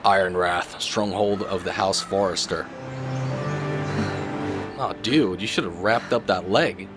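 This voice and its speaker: A young man commentating a video game playthrough, joking and animated. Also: low-pitched, a little slow, over music. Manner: animated, joking, squeamish outbursts. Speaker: gaming commentator. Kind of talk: let's play commentary. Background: game audio.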